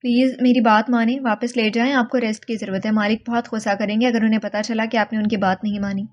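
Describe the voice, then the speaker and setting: A woman voicing a quiet, obedient housemaid who speaks softly and with restraint. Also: fairly high pitch, little pitch movement, lo-fi sound, a little hiss or hum, lightly acted. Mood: anxious. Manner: soft and restrained.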